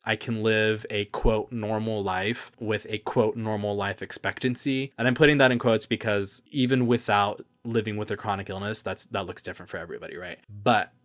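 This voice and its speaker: A man hosts a personal podcast in a voice on the low side, with a steady, fairly bright tone, a moderate pace, and hardly any pauses. He sounds earnest, reflective, and openly emotional, drifting into loose, rambling asides between read passages.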